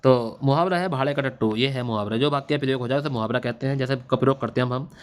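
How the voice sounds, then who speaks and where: A man's voice: medium pitch, fast talker. A male teacher giving an exam-prep Hindi lesson, repeating answers and quizzing students back on them. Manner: repetitive, drilling answers with quiz-back questions. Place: classroom or home studio at night. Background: faint hiss of a machine running nearby.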